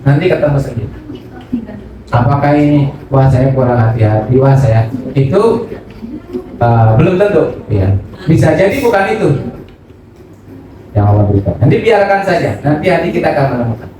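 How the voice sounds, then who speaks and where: A man giving a religious study sermon, lively and acting out examples, often asking his audience questions. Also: medium pitch, moderate pace, long pauses. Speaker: Islamic preacher. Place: study gathering room. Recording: echoey room, distant mic, noisy.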